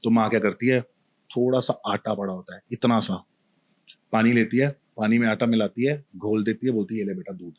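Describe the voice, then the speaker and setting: A man's voice: fairly low pitch, moderate pace. A man telling a mythological story casually, full of animation and voicing each character himself. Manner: animated, acts out every character.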